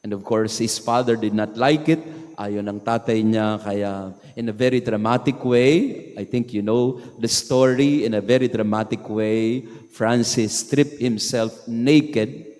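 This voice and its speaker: A male priest with a Filipino accent reading the Gospel and preaching at Mass in a slow, measured way, his voice ringing in a church echo. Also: lowish voice, steady tone, a little mellow. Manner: slow, measured delivery, mixing English with Tagalog. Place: large church. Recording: long church reverb.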